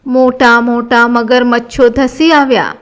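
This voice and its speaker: Slow high-voiced woman narrator. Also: flat delivery. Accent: Gujarati. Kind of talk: scripted scripture narration.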